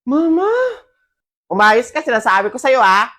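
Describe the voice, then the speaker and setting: Young woman for comic skits, high voice, close dry sound; animated, dips to whispers, jumps to shrieks. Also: normal speed, no room sound. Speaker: skit comedian. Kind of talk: comedy skits.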